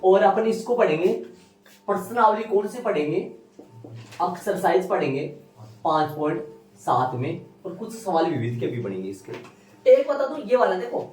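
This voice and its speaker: A man's voice: high voice, very animated, moderate pace, darkish tone, distant mic. A male maths teacher giving a classroom lecture, repeating key phrases and quizzing his students. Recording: roomy, from afar, faint music.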